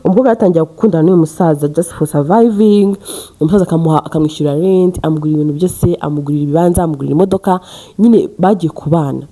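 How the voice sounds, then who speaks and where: A woman's voice: low-pitched, racing, mellow. A woman from Rwanda telling a story casually to her viewers, chatty and addressing them directly, slipping into English phrases. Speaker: storyteller vlogger.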